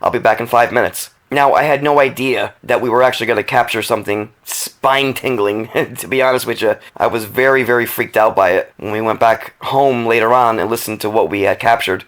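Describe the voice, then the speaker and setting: A man's voice: medium pitch, fairly quick, few pauses. Man co-hosting a casual podcast. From New England. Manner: storytelling, animated about spooky finds. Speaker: podcast co-host. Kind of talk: casual chat.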